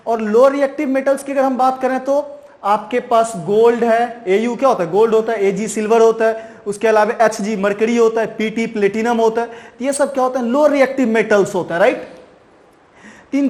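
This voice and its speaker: Male science teacher, very high voice, quizzes the class with rhetorical questions and repeats key terms. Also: a little mellow. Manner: keeps asking and answering his own questions; repeats key terms slowly, ends points with "right". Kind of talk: chalk-and-talk science lesson.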